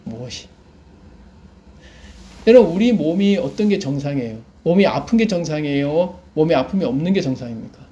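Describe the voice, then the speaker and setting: A male pastor preaching a sermon, his voice sitting high and swinging widely in pitch. He keeps asking the congregation questions and answering them himself. He sounds middle-aged. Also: expressive, brisk, dark tone, lo-fi sound.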